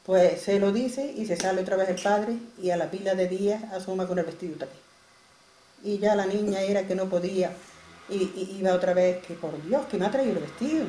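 A woman's voice: mid-range voice, a little fast, mellow, a little hiss or hum. A woman telling a traditional folk tale in a plain, homely way. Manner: plain, homely, repeats "dice". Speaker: storyteller. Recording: roomy echo, faint ambience.

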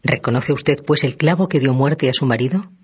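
A man's voice: mid-range voice, normal speed, husky. A man reading the part of a stern judge who questions the accused in a hard, commanding tone. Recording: dull lo-fi recording.

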